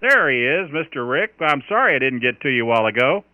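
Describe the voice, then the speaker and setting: A man's voice: medium pitch, big pitch swings, fast, a little hiss or hum. A man running an amateur radio net in marine radio style, chatting with procedural call signs over a two-way radio. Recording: dull, band-limited radio audio.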